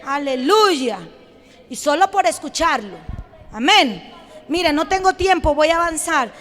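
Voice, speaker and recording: A woman pastor with a very high voice preaches to her congregation, swinging into emphatic shouted exhortations. Her voice rings with the long reverb of a church hall. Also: animated, measured pace. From Mexico. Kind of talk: sermon.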